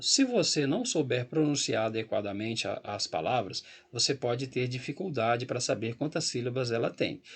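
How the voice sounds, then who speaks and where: A man's voice: medium pitch, creaky, breathy edge. A man with a Brazilian Portuguese accent teaching an English grammar lesson, explaining patiently while walking through a website and checking in with the class often. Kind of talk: recorded grammar lesson with screen walkthrough.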